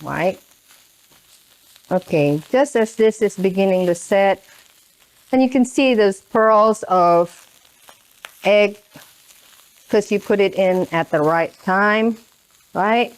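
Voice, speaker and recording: A woman hosting a cooking demonstration talks slowly and unhurriedly. Her voice is smooth and clear, at an ordinary pitch. She keeps tagging her lines with "right?" while a pan sizzles behind her. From Indonesia. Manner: chatty, keeps asking "right?". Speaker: cooking show host.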